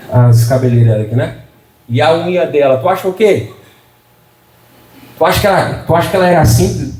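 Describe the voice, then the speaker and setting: A man's voice: a little high, a little mellow. A middle-aged man, preaching a folksy, humorous sermon and asking for amens from the congregation. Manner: humorous, folksy preaching with frequent call-and-response. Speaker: pastor. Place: church. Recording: echoey church from a distance.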